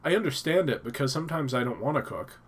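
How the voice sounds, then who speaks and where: A man's voice: mid-range voice, expressive, fast, husky. A man hosting a casual live stream from his home office, stuffed up and thinking aloud with many fillers and restarts.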